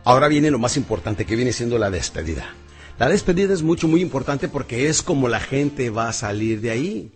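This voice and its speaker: A man giving a motivational lesson on public speaking, talking straight to the listener and swinging from loud bursts to hushed asides. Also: mid-range voice, husky. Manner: addresses the listener directly as champion.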